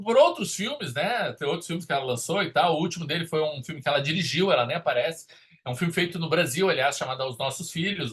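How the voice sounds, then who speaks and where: Discussing movies on his podcast, a man with a southern Brazilian accent shares strong opinions and colloquial, emphatic anecdotes in a relaxed tone. His voice runs on the high side with a fairly bright quality.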